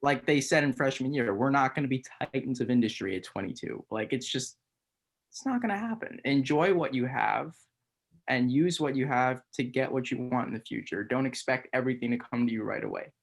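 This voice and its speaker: A young man in his twenties with a mid-range voice, chatting with a friend on a podcast. He talks in a measured way and slips in dry, wry jokes. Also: medium pitch, vocal fry. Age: 20s. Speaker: podcast guest. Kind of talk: casual chat.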